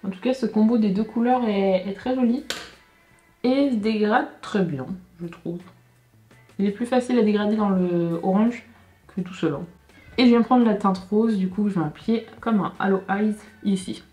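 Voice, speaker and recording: A young woman chatting casually through a makeup tutorial, thinking aloud with many hesitations and self-corrections, often dropping into quiet asides. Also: mid-range voice, normal speed. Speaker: beauty vlogger. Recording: roomy echo with faint background music.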